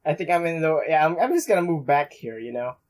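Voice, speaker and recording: A young man with a fairly high, lively voice does casual let's play commentary, reading game text aloud. He halts, stumbles and rambles, with some mild swearing, over game music.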